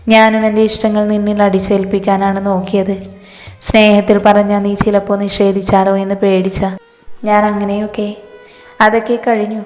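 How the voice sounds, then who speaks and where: A woman voicing a loving, gently teasing older father in a storybook, reading evenly and flatly. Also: medium pitch, lightly acted. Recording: reverberant room with faint music.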